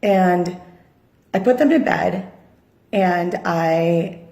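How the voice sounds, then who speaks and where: A woman from Sri Lanka making an earnest, halting personal video appeal as a mother, audibly upset and pausing often. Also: on the low side, a little mellow. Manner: earnest, halting, with many pauses and fillers. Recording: echoey room.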